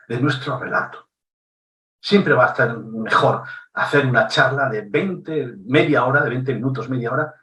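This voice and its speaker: A man with a Spanish accent from Spain giving an instructive talk on public speaking, deliberate and emphatic, using pauses and shifting intonation for effect. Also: mid-range voice, pushed and bright. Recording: roomy echo, somewhat distant mic.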